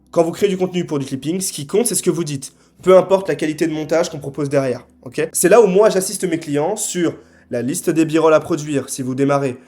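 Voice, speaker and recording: A young man giving a scripted sales pitch to camera, assertive and punchy, often tagging his sentences with quick check-ins. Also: darkish tone. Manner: assertive, punchy, frequent tag questions. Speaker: marketing consultant.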